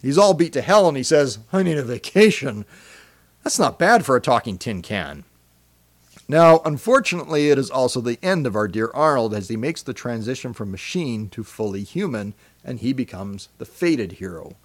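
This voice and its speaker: Reflective male podcast host, lively pitch. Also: moderate pace, dry recording. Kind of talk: scripted podcast commentary.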